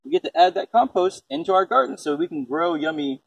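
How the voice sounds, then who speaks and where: Fairly quick and very animated, this man's slightly high, gravelly voice has no echo. He reads a picture book and casually explains composting to a small child as a parent, asking simple questions. It was recorded with a distant microphone amid faint background noise.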